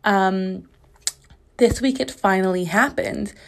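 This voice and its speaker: Speaking slowly in a mid-range voice, a young woman rambles through her casual solo podcast, sprinkling in plenty of "like." She's at home in her bathroom, and her voice is slightly raspy as it recovers from being lost.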